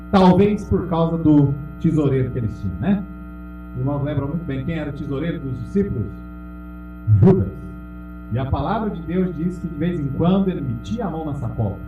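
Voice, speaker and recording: A Brazilian pastor with a Brazilian Portuguese accent preaches emphatically in a church hall, calling out to the congregation and dropping low and loud on key words. The mic is distant, and the dull audio is very echoey, with music underneath.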